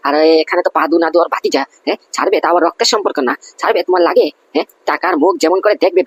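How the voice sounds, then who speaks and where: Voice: mid-range voice, vocal fry, husky, heavily acted. A performer voicing a boastful, scheming middle-aged man in a cartoon comedy, lecturing and asking "understand?" again and again.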